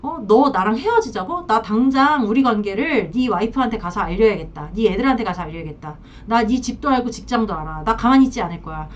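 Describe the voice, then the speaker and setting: A woman's voice: fairly high pitch, very animated, fairly quick, hardly any pauses, distant mic, a little hiss or hum. A woman acting out a divorced mistress who pleads, accuses and threatens her married lover. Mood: threatening. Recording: dull lo-fi sound.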